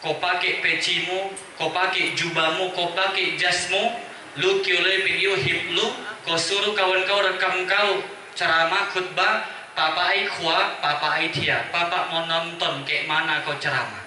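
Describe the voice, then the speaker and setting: A man voicing a soft-spoken older father who talks in a gentle, tender way. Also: high voice, steady tone, a little slow, a little hiss or hum, voice pushed down, heavily acted. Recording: echoey hall from far off.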